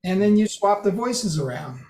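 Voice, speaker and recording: A presenter guides a group through a code demo in a middling-pitched, expressive, darkish-toned voice at a moderate pace. The explanation is loose, full of restarts and self-corrections, and a roomy meeting-room echo hangs on every word.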